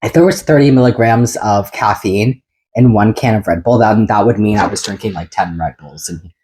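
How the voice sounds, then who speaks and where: A woman co-hosting a podcast, chatting casually in an excitable, rambling way and swearing now and then. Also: extremely low pitch, moderate pace, a little hiss or hum, poor audio. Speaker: podcast co-host. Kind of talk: casual chat.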